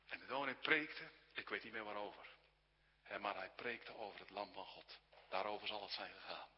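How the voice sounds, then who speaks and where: A man's voice: fairly low pitch, normal speed. Earnest male preacher in a reverberant hall. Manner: earnest, swings from hushed whispers to raised exclaims. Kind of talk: sermon. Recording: dull sound with long hall reverb.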